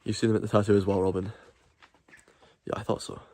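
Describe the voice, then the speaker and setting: A man's voice: on the low side, little pitch movement, fast talker, a little mellow. A Scottish man chatting casually on a livestream, rambling along with jokey mock-boasting. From Scotland. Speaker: live streamer. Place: at home, moving between outdoors and indoors.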